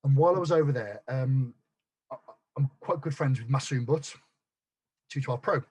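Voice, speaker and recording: A man telling his story as a guest on a podcast, blunt and quick to swear, tripping over restarts. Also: mid-range voice, a little mellow, husky. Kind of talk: casual chat.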